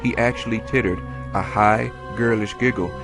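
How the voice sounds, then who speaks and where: A man narrating an audiobook chapter in a steady storytelling manner. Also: fairly low pitch, moderate pace, over music. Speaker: audiobook reader.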